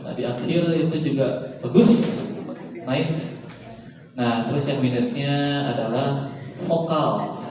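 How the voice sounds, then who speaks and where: A man giving lively, joking feedback to student actors as a theatre judge, acting out lines as he goes. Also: mid-range voice. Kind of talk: spoken critique to students. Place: school hall stage. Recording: echoey hall, far from mic.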